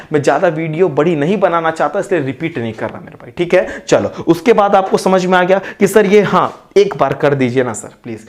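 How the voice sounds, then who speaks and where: A man with an Indian accent teaching chemistry exam questions, asking questions in a student's voice and then answering them himself, in a rushed, repetitive way. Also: fairly high pitch. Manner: rushed, repetitive explaining with informal asides. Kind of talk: online exam-prep lesson.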